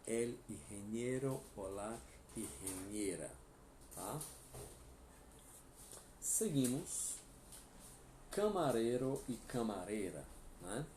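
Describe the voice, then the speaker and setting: A man's voice: mid-range voice, darkish tone. A man from Brazil with a Brazilian Portuguese accent, teaching a live online Spanish class and patiently explaining each word with frequent checks like "tá?" and "né?". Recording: echoey room with faint ambient noise.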